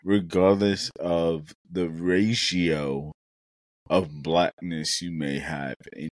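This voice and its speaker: A young man with a deep, low voice talks slowly and earnestly, thinking aloud with plenty of fillers as he co-hosts a casual podcast. His voice sounds dry and close, with no room echo. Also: steady tone. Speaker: podcast co-host.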